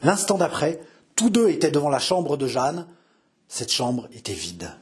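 A man's voice: fairly high pitch, big pitch swings, a little slow, darkish tone. A man reading a historical novel aloud with theatrical, emphatic narration. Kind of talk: dramatic audiobook narration.

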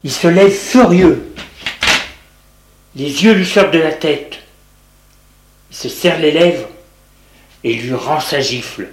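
Slow, unhurried radio storyteller. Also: medium pitch. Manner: plain, unhurried reading with quoted dialogue. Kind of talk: reading a radio serial aloud. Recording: roomy echo with music behind.

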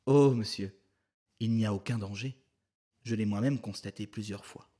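Courteous male secretary, earnest, explanatory, read by a low-voiced man. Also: steady tone, moderate pace, a little mellow, lightly acted. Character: polite, earnest male club secretary guiding a visitor.

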